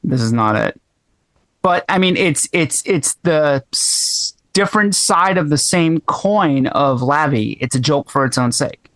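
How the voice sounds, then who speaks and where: A blunt, sarcastic co-host on a casual podcast chat, swearing freely. The pitch moves a lot, jumping up sharply whenever a point lands. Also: expressive, unhurried, fairly bright tone, no echo.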